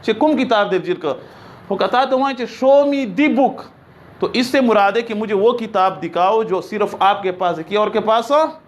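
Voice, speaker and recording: A man teaching an English class, explaining slowly, repeating examples and checking that students follow. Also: high-pitched. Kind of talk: classroom lecture.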